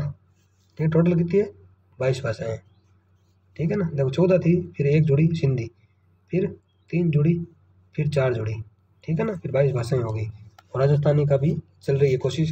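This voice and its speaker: A man's voice: on the high side, warm tone, distant mic. A man teaching, working through exam questions one by one and thinking aloud over each option, often checking in with his students. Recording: muffled, from the mic, faint room noise.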